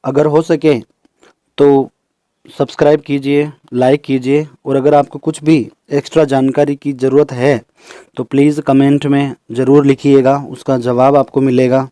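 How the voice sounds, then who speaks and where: A man teaching English pronunciation in a recorded lesson, explaining slowly and listing example words one by one. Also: medium pitch, flat delivery, warm tone, no room sound. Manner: explains slowly, repeats terms in Hindi and English.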